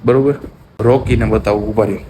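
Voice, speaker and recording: A man's voice: on the low side, steady tone, quick pace, background noise. A young man from Gujarat, chatting casually to viewers in a home vlog and pleading playfully with his mother. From Gujarat, India. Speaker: vlogger. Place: family home, rooftop.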